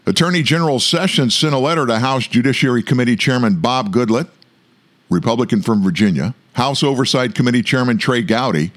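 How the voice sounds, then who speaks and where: Man, political commentary host, emphatic delivery, stretched-out stresses, mid-pitched voice. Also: fairly bright tone. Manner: emphatic, drawn-out stresses, addresses listeners as folks. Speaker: host of an online news commentary show.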